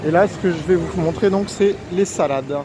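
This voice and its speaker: A man's voice: fairly high pitch, moderate pace. A man giving a casual walking tour as a vlogger, his voice slightly muffled through a face mask, outdoors on a busy street. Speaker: vlogger, street food guide. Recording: outdoor street recording with clear traffic noise. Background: urban street noise, vehicles.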